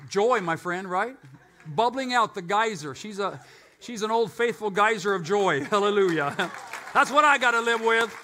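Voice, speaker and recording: A man preaching a live sermon to a congregation, swinging from loud and emphatic to quiet and low, with joking asides. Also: lively intonation, moderate pace, a faint crowd, a little hiss or hum. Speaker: pastor.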